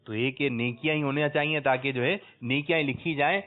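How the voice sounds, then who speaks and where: Male quiz host, mid-pitched, coaxes answers and praises loudly; tinny lo-fi audio. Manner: coaxing, prompts answers, bursts out praising correct ones. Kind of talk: religious children's quiz show hosting. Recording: tinny lo-fi phone-like sound.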